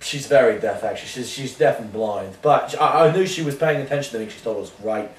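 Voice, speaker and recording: A man playing an oblivious washed-up rock singer in a mock interview, rambling deadpan through absurd tangents. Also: mid-range voice, a little fast, close to an everyday voice. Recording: roomy sound from a distant mic.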